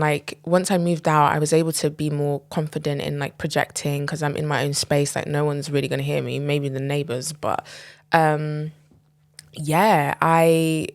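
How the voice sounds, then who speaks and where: A young woman in her twenties hosts a podcast, her low voice recorded with no echo. She talks openly in a casual confessional monologue, loose and chatty, sprinkling in plenty of "like"s and "um"s.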